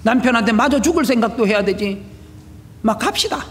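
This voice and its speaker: A male pastor preaching a sermon, telling stories with shouted prayers and rhetorical questions. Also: very high voice, lively intonation, brisk, big-room sound. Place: church sanctuary.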